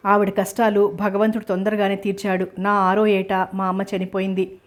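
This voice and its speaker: A woman's voice: medium pitch, completely flat delivery, normal speed, natural voice. Woman reading as a young man telling his sad past. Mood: rueful. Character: young man recounting his family's misfortunes.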